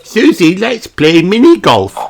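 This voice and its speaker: A woman voicing an excitable, bossy little girl pig in a children's storybook, with a childlike, emphatic delivery. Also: fairly low pitch, unhurried, pitched above the performer's own voice, full character voice. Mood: excited.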